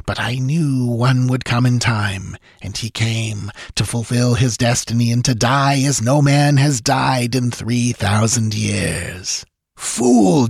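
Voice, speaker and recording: A man's voice: mid-range voice, creaky, husky, dry recording, clean studio sound, heavily acted. A man voicing an ancient undead sorcerer who gloats and threatens in a hissing, grandiose way. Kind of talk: audiobook character voice.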